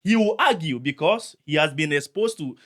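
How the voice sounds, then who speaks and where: Measured Ghanaian man explaining. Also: a little high, lively intonation, fairly bright tone. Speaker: guest, parent. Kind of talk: explanatory discussion.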